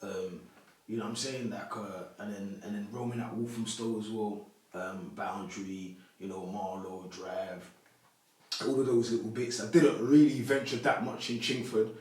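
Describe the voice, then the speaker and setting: A man from Congo appears as a podcast guest, chatting loosely in a fairly low voice at normal speed. His casual interview talk is relaxed and rambling, heavy with street slang, recorded in an echoey room with the mic at a distance.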